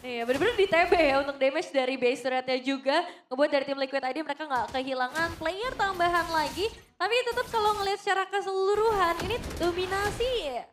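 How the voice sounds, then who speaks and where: A woman's voice: very high-pitched, fast, slight background noise. A woman giving analytical commentary on an esports match.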